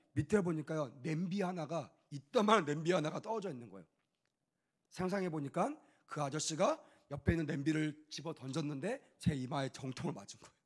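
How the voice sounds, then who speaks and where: A young adult man, a youth pastor, telling a personal testimony in a sermon with animated storytelling and acted-out voices. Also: fairly high pitch, husky.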